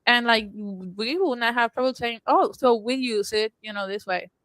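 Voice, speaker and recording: A woman from Puerto Rico with a Puerto Rican Spanish accent, co-hosting a casual podcast chat and telling animated stories, often laughing and acting out what she said. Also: on the high side, normal speed, dry recording, rough recording. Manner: animated storytelling, laughs often, quotes herself. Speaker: podcast co-host.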